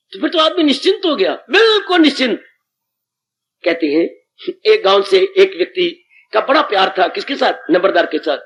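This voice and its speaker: High, bright-voiced Hindi preacher man. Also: a little hiss or hum, low-quality recording. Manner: animated storytelling, voicing villagers and rising into exclamations. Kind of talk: devotional sermon with acted parable.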